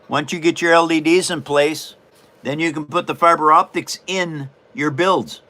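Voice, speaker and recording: Building a paper model on a casual livestream, a man from Washington State, USA, rambles in a folksy way and chuckles often. His voice is a little high and bright, with a steady, forceful tone and a moderate pace.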